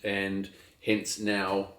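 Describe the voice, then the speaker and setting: A middle-aged New Zealand man, a sailing captain, chats as a guest in a casual interview recorded outdoors on a trip. His low voice is unhurried and relaxed, but hesitant, full of fillers as he stops and restarts his thoughts. The audio sounds roomy and echoey.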